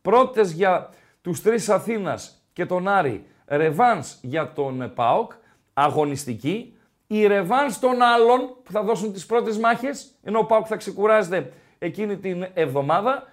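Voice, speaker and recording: Guy hosting football talk radio, kinda high voice, rambly, lots of ums. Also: animated. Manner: chatty, rambling, with many filler sounds. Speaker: sports radio host. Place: radio studio.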